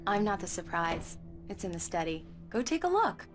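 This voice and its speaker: Actress as Alice, earnest wife, animated voice. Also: female voice, mid-range voice, normal speed, over music, natural voice. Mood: playful. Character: earnest, well-meaning wife pleading with her husband. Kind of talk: video game voice acting.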